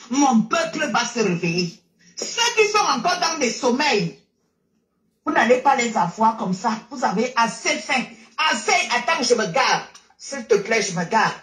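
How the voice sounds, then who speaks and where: Woman, tearful, preachy, repeats herself, high voice, echoey phone audio in a car. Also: fairly bright tone. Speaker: live-stream guest. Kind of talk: impassioned live-stream rant. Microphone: phone while driving.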